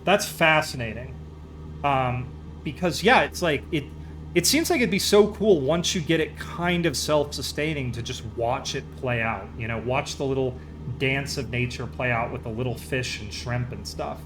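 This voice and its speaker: This live streamer talks casually over a flight simulator session, easygoing and enthusiastic as he rambles. He has a mid-range, slightly bright voice and keeps a moderate pace.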